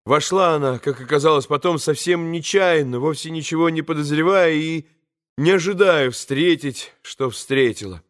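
A man reading a classic novel as an audiobook, in a measured, expressive narration. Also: a little high.

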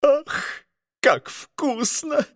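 A man voicing a hot-tempered, boastful duke who shouts threats at his cook. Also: on the high side, big pitch swings, slow pace, no echo, studio quality.

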